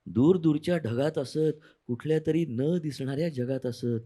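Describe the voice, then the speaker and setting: A man with a Marathi accent reciting his poem in a soft, lingering voice, half singing the refrains. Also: a little high, moderate pace. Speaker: poet. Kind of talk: poetry recital, half sung.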